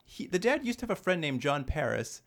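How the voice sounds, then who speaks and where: A man's voice: sits high, very animated, quick pace, a bit bright. Laughing man hosting a movie podcast. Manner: laughs often, mimics characters in quotes. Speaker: podcast host. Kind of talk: casual chat about a movie.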